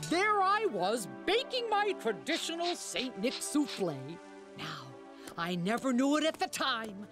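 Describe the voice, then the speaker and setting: A woman voicing a bossy, boastful cartoon landlady with a theatrical, scornful way of talking. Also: fairly high pitch. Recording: music behind the voice.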